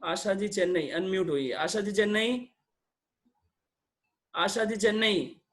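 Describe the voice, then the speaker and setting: A man with a fairly high voice leads an online lesson over a video call. He quizzes his students one by one and coaxes answers out of them in a brisk way. He mixes in English phrases now and then. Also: a bit bright. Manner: quizzes participants, brisk and coaxing. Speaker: online class teacher. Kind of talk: interactive online religious lesson.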